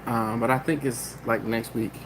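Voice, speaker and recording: A man from Maryland, US, hosts a casual livestream, reading chat comments aloud and rambling, laughing often and interrupting himself with restarts. His mid-range voice is steady in tone and moderately paced, with a noisy background behind him.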